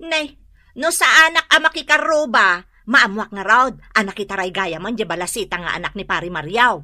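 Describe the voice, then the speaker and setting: In a comedy radio drama, an actress plays a whiny, indignant village wife who loves gossip, complaining in animated exclamations. Her female voice is mid-range and runs at normal speed, recorded at studio quality with no room sound.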